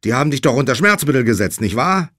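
A man voicing a worried man on a phone who shouts and pleads urgently. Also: mid-range voice, very animated, fast, dry recording, clean studio sound, voice pushed up. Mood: frantic.

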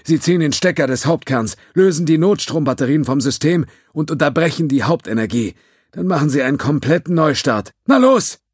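A man's voice: fairly high pitch, lively intonation, normal speed, a little mellow, husky, no room sound, clean studio sound, voice pushed up. A man reading an audiobook, voicing an overworked, sarcastic male starship engineer who snaps at everyone. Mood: exasperated. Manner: exasperated, sarcastic outbursts. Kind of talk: audiobook character voice.

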